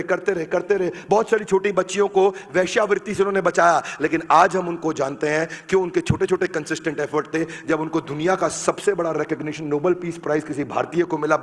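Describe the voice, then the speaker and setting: Emphatic high-voiced male speaker. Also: big-room sound. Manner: emphatic, repetitive, leads audience chants. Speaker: motivational speaker. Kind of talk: motivational seminar speech. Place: large hall with live audience.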